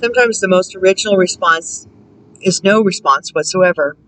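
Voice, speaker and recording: A woman working as a spiritual counselor, reading oracle card texts aloud in a measured way and breaking off now and then to muse and comment to herself. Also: lowish voice, background noise. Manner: measured reading broken by musing, self-amused comments.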